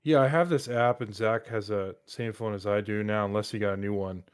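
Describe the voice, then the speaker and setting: A man's voice: lowish voice, steady tone, fairly quick, clear, resonant tone. A man co-hosting a podcast, talking casually and joking with his friends. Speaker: podcast co-host. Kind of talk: casual chat.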